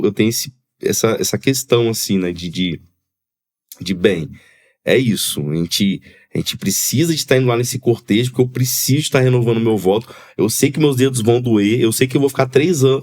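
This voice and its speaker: A man from Espírito Santo with a Capixaba Brazilian accent, a podcast guest talking in a reflective, halting way with many restarts. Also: mid-range voice, darkish tone. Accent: Capixaba Brazilian Portuguese. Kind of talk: casual conversation.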